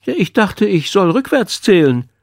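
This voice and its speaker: A man's voice: high voice, sing-song, normal speed, dry recording, studio quality, pitched above the performer's own voice. A man doing a grumpy, literal-minded schoolboy. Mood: contrary. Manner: grumbling, defiant.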